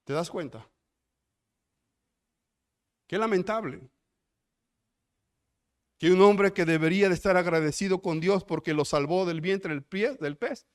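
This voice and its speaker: A man with a Mexican accent preaching a sermon, emphatic and full of rhetorical questions to the congregation. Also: fairly high pitch. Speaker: pastor.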